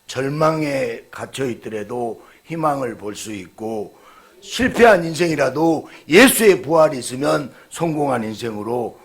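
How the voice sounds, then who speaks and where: Emphatic Korean pastor preaching, man. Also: medium pitch. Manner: emphatic, with loud proclaiming exclamations; folksy, telling jokes to the congregation. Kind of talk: sermon.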